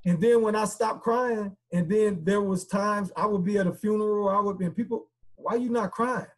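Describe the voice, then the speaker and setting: A man's voice: sits high, fairly even intonation, fairly quick. A man guest speaker on a podcast, talking earnestly and casually with many fillers and repeats. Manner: earnest, repetitive, conversational with filler words.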